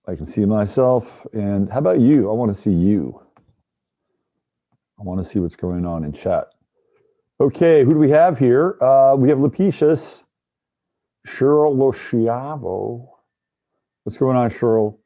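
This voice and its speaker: A man's voice: medium pitch, expressive, a little slow, pauses often. A man hosting a casual live stream, his voice muffled as if heard through a wall. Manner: chatty, reads out viewer comments. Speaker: livestream host. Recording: dull, muffled lo-fi sound.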